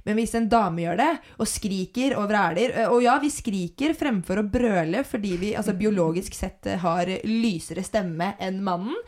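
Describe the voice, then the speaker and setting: A woman's voice: mid-range voice, hardly any pauses, a little mellow. A woman hosts a casual podcast chat. She talks frankly and heatedly, and she swears without holding back. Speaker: podcast host.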